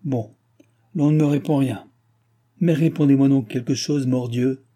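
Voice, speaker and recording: A man reading an audiobook and voicing an irritable, self-pitying aging king who complains in exasperated outbursts, with a husky voice. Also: medium pitch, a little slow, warm tone, natural voice.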